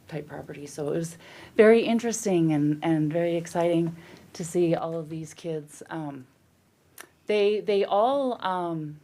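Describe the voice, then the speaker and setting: A councilwoman with a notably low voice gives her report in a council chamber. She sounds a little out of breath and halting, circling back through ums and restarts as she talks. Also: a little mellow. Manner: hesitant, filled with ums and restarts. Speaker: city councilor.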